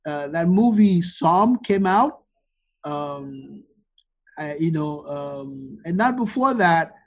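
A man's voice: a little high, animated, takes it slowly. A man, the guest on a podcast interview, telling his story at length with frequent ums and uhs. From Ghana. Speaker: guest, wine expert.

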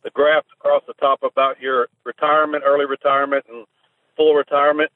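A man calling in to a radio advice show, heard over a phone line, asking his question politely with halting pauses and fillers. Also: medium pitch, level tone, no echo. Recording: narrow tinny phone line.

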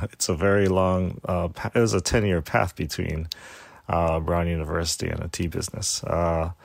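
Brief: middle-aged man from Hawaii, interview guest, very low and gravelly, hesitant. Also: flat delivery, no room sound. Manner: halting, many fillers and restarts. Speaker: guest, tea shop owner. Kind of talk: casual interview talk.

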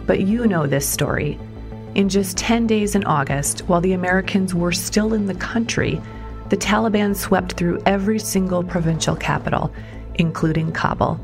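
A woman reporter narrating a documentary story in a measured storytelling way, sometimes stressing questions. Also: fairly low pitch. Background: music underneath.

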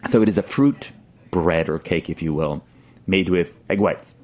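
A man with a very low voice talks slowly through food traditions as a studio guest. He pauses often and fills the gaps with ums and uhs, building his points step by step. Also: darkish tone. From Czech Republic. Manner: thoughtful, explains with many pauses and fillers. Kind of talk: casual studio conversation. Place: radio studio.

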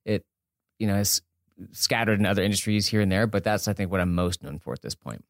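A man in his forties, a business author, is a podcast guest in a casual interview, speaking informally and self-effacingly and rambling a bit as he explains. His voice is on the low side and fairly quick. He's in an indoor studio, with studio-quality sound and no room reverb.

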